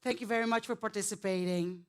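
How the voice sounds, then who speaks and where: A woman hosting a poetry event, friendly and unhurried, with hesitant fillers as she speaks. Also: mid-range voice, fairly even intonation. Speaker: event host.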